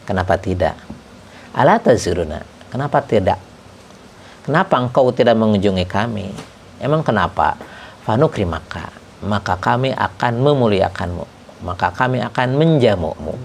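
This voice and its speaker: Man teaching a kitab lesson, lively rising and falling pitch, recites Arabic examples slowly. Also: vocal fry, slight background noise. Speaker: religious teacher.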